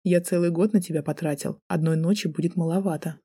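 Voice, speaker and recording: A man's voice: steady tone, quick pace, husky. A woman voicing a taunting young man. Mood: menacing. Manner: taunting, low and soft-spoken. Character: mocking, menacing young male student. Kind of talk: audiobook character voice.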